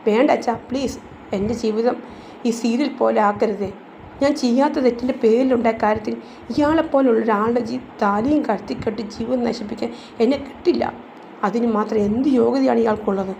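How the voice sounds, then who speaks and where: A woman's voice: on the high side, a little fast, creaky, a little hiss or hum. A woman voicing a defiant, proud twenty-year-old woman who pleads yet stands her ground, in a storybook reading. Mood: pleading defiance. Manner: pleading yet stubborn, sharp-tongued.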